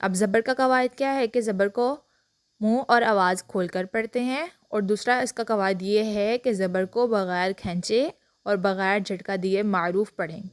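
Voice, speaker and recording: A woman, teaching a Quran reading lesson step by step and drawing out letter sounds clearly. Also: medium pitch, steady tone, no echo, studio quality. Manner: slow, drawn-out letter recitation and clear explanation.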